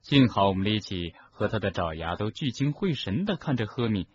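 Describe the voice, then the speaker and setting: A man reading an audiobook as narrator, with expressive, lively storytelling and a husky voice. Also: fairly low pitch, a little fast, dull audio, slight background noise. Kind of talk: scripted narration.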